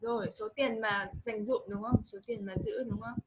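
A woman's voice: on the high side, fairly even intonation, normal speed, slight background noise, rough recording. A Vietnamese woman teaching English online, speaking English with a Vietnamese accent and switching into Vietnamese, patiently coaching pronunciation line by line. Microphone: video call.

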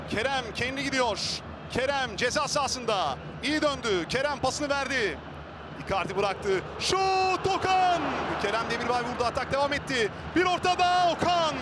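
Male football commentator, very high-pitched, excitable screaming play-by-play over heavy stadium noise. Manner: excitable, screaming out goals and names. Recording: loud stadium crowd noise behind voice. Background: roaring football crowd.

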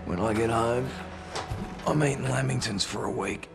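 An actor playing an easygoing, gruff soldier held prisoner in a war video game. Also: male voice, mid-range voice, moderate pace. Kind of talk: dramatic video game acting. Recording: loud music behind the voice.

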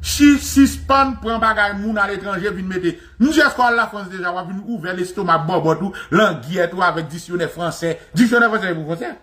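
A Haitian man with a fairly high voice gives an impassioned commentary. He mocks, repeats himself and laughs as he goes, in a lively, hard-pushing delivery. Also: moderate pace, hardly any pauses. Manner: animated, mocking, repetitive, laughing. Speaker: show host.

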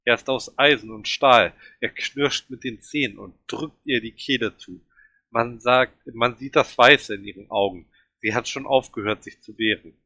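Ein Mann liest einen Roman dramatisch und angespannt vor. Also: male voice, medium pitch, normal speed, sharp tone, dry recording. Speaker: reader. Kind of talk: reading a novel aloud.

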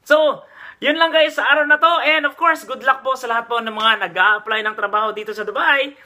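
A chatty man from the Philippines, talking straight to his viewers in a casual vlog. His voice sits high and sounds very bright and forceful, and he keeps checking in with a quick "okay?". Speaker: vlogger giving job tips. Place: Dubai.

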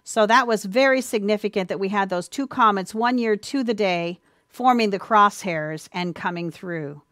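A woman giving an earnest, sermon-style Bible teaching, speaking warmly to listeners as dear ones, with a few ums and restarts. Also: medium pitch, moderate pace, no echo, studio quality. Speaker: presenter of a church teaching.

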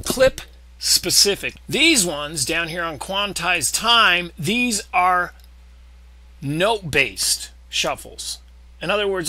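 A man giving a casual, profane screen-recorded tutorial on music software, explaining settings step by step. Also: sits high.

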